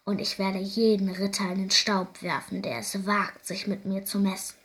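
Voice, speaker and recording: A woman's voice: mid-range voice, level tone, normal speed, a bit bright, natural voice. A woman voicing a bold young princess disguised as a knight, who speaks proudly and in command. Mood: boastful.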